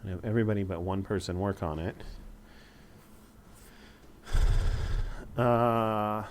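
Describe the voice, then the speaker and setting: A man's voice: lowish voice, fairly even intonation, slow pace, slight background noise. A man casually commenting on a strategy game as he plays, thinking aloud with wry asides. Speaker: let's play host.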